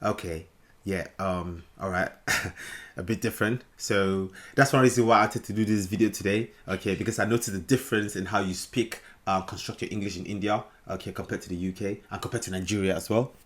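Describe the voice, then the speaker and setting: A man's voice: fairly low pitch, steady tone, fast talker. A man hosting a casual reaction video, chatty and repeating himself, often addressing his viewers directly. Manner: chatty, repetitive catchphrases, addresses viewers as guys.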